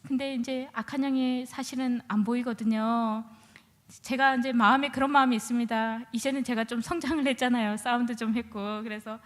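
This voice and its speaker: Woman deaconess, testimony, high voice, lively storyteller; long reverb of a hall. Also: a little fast. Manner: animated storytelling, acting out her own past cries. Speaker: church deaconess giving testimony. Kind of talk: personal testimony.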